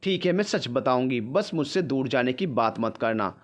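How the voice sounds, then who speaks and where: A man's voice: medium pitch, animated, normal speed, close to an everyday voice. A man voicing a young mother who pleads anxiously with her son. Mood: pleading.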